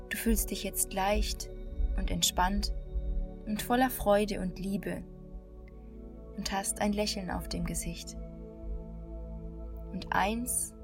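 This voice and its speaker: A woman leads a guided meditation like a slow hypnotist. She speaks calmly in a mid-pitched voice, leaving long, soothing pauses between short phrases. New-age music plays clearly behind her.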